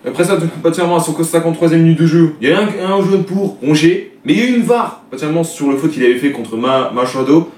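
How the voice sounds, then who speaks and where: A man's voice: fairly high pitch, lively intonation, fast, hardly any pauses, darkish tone. A young man hosting a casual football match debrief, rambling with lots of filler words and restarts. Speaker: football video debrief host. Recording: echoey room, distant mic, faint noise.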